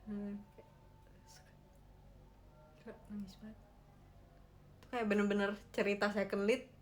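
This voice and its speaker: A woman's voice: mid-range voice, level tone, measured pace, noisy background. A young woman hosting a casual solo livestream from her room on a phone, chatting emotionally and animatedly with lots of fillers. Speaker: idol livestream host.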